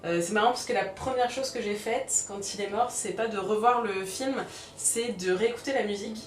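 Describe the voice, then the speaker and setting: A woman's voice: medium pitch, brisk, a little hiss or hum. A woman hosting a film review vlog, speaking in a conversational, explanatory style. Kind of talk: film review, part scripted narration, part casual chat. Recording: roomy, distant mic, faint music.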